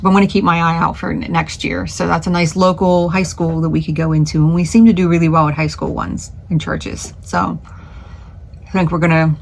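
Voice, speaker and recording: Woman, middle-aged, low pitched, casual rambling vlog chat, lots of ums, home craft studio. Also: level tone, a little fast, creaky. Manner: rambling, many fillers and restarts, chatty. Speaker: small craft business owner.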